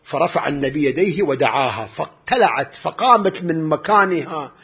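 A man's voice: a little high, animated, normal speed, a bit bright, slightly rough. A man preaching a mourning sermon, drawing his words out into a wailing chant.

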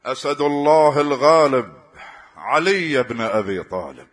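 A man preaching an impassioned religious sermon, telling stories and swelling into loud, rhythmic cries. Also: medium pitch, animated, normal speed.

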